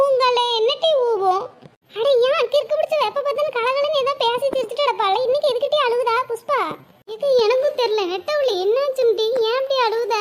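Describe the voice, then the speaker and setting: A woman voicing a chatty, nosy village friend who pesters with questions. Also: extremely high pitch.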